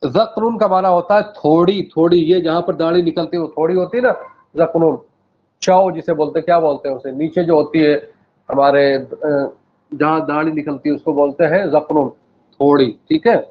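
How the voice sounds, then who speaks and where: A man's voice: fairly high pitch, fairly even intonation. A male teacher giving a classroom language lesson, explaining each word step by step, repeating phrases and checking in with his students. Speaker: Arabic teacher. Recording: dull lo-fi classroom recording.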